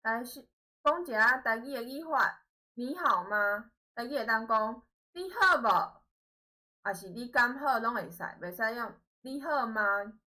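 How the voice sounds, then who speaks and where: A woman's voice: fairly high pitch, measured pace, sharp tone. A woman with a Taiwanese Hokkien accent teaching a beginner language lesson, enunciating and repeating example words in an instructional way. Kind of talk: beginner language lesson, reciting word pairs.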